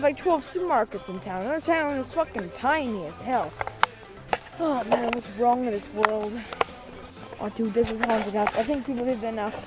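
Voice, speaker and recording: Hyper casual vlogger woman, kinda high voice, cusses a lot, repeats stuff, music going in the background. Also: rough recording. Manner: excitable, profane, repeats phrases. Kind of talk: casual handheld vlog. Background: music playing.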